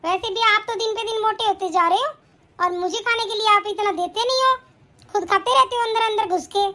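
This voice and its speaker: A spoiled young daughter-in-law, voiced by a woman, mocking and whiny in an animated family drama. Her voice is very high and bright. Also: fairly quick. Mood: sneering. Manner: whiny, sneering.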